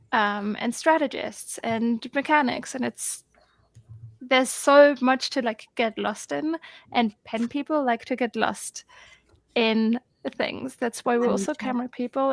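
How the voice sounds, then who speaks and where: A woman chatting excitedly on a video call, rambling with lots of fillers. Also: high voice, gravelly, dry recording. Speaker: guest on a group video chat. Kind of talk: casual chat.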